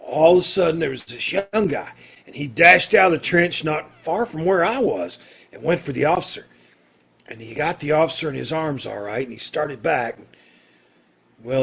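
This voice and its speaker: In an old-time radio play, a man portrays a kindly, earnest condemned prisoner. His gravelly, husky voice is medium-pitched and a bit bright, with hesitant, halting, folksy, informal phrasing.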